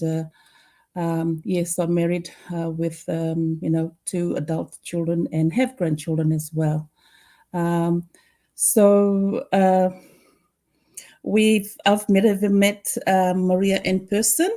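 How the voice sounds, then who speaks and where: Older female host from Fiji, low mellow voice, hesitant and filler-heavy. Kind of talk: casual online live chat.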